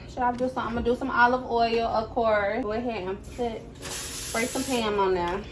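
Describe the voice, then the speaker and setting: Woman home-cook vlogger, easygoing kitchen chat, music underneath. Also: on the high side. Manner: chatty, repeats "right?" and "y'all". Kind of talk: casual cook-along chat. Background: background music.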